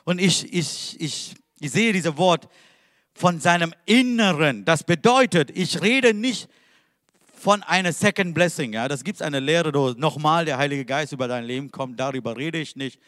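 A man's voice: a little high, lively intonation, normal speed, fairly bright tone, clean studio sound. Man preaching in a reverberant hall. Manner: emphatic, questioning the listeners directly. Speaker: pastor. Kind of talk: sermon.

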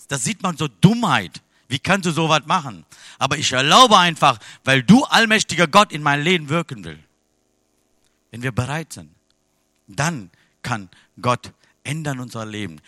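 Bright, forceful man preaching a sermon. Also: medium pitch, no room sound, studio quality. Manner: non-native German with broken grammar; swings between hushed asides and loud exclamations.

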